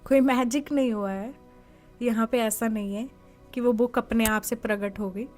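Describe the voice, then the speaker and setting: Woman, high voice, motivational speaker, chatty, poses questions to the listener, soft music underneath. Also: moderate pace. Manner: conversational, asks the listener rhetorical questions; gives calm step-by-step guidance. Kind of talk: motivational talk.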